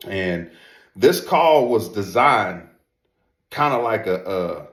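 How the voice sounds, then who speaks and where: A man with a fairly low voice presents a product in a casual, folksy style. He leans on his points and repeats phrases for emphasis. The sound is noticeably roomy and echoey. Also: animated, drawn-out words. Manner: emphatic, repetitive, folksy informal talk. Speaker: presenter reviewing duck calls. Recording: roomy echo.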